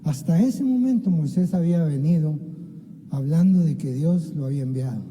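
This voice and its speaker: A man's voice: on the high side, lively intonation, normal speed, dark tone, long reverb tail, a little hiss or hum, low-quality recording. A man preaching an impassioned sermon as pastor, often calling out to his listeners and acting out biblical dialogue. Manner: impassioned, keeps addressing listeners as "hermano". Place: church sanctuary.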